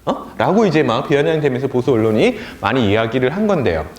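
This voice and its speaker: A man giving a political education lecture, animated, sometimes mocking opposing views in a sneering voice. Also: medium pitch, fast talker. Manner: animated, mocks opponents' talk in a sneering voice. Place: lecture room. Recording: echoey lecture room.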